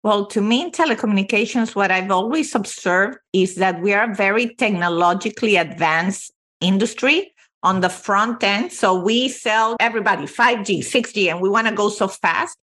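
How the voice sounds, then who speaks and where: A woman's voice: mid-range voice, normal speed, fairly bright tone. A woman from Venezuela, a company CEO, telling her career story with earnest emphasis as a podcast guest. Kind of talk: podcast interview.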